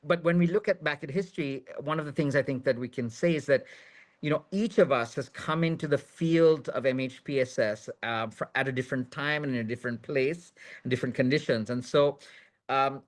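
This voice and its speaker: A man moderating an online panel webinar, introducing guests with many ums and restarts. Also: mid-range voice. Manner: many fillers and restarts, measured. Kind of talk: hesitant spoken introduction. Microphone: video call.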